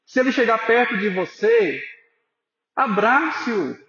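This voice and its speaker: A man preaching a sermon as pastor, earnest and pastoral, calling listeners brothers and sometimes dropping to a soft voice for emphasis. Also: very high-pitched, very animated, slow pace, echoey room, lo-fi sound. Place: church.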